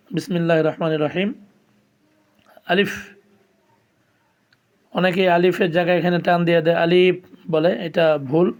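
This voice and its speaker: A man's voice: high-pitched, a little mellow, muffled recording. A man teaching the Arabic letters as a Quran lesson, patiently sounding out each letter and repeating it for learners. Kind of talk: slow step-by-step pronunciation lesson.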